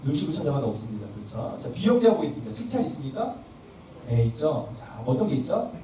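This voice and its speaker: In a church welfare hall classroom, a pastor leads a parenting workshop, quizzing the audience and acting out parent-child dialogues. His fairly high voice is warm and fast, with big pitch swings. A distant mic captures the reverberant hall and faint noise.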